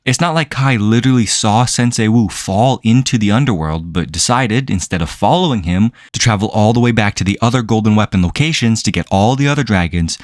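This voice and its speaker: A man's voice: medium pitch, dry recording. A man giving sarcastic video commentary as a reviewer, with a dry, incredulous way of asking questions.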